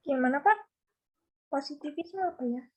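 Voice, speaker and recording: A woman's voice: sits high, moderate pace. A female student answering her lecturer hesitantly in an online class.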